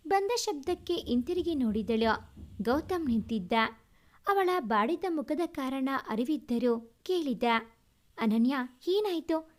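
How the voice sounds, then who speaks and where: A woman narrating a family love story in a steady, expressive storytelling manner. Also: high-pitched, unhurried. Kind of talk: scripted narration.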